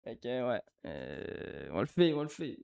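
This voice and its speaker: A man with a Quebec French accent co-hosting a podcast, telling stories in animated casual chat, swearing and laughing often. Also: mid-range voice, unhurried, vocal fry. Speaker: podcast co-host.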